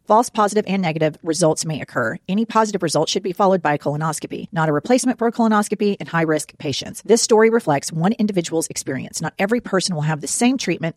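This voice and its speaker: Female ad reader, lowish pitch, scripted sponsor message, dry close sound. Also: dry recording. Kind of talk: scripted ad narration.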